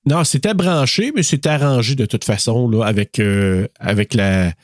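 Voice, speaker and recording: A man's voice: medium pitch, normal speed, dry recording, clean studio sound. A man with a Québécois accent, co-hosting a podcast and retelling a film in casual talk full of fillers. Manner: animated retelling with many fillers. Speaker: podcast co-host.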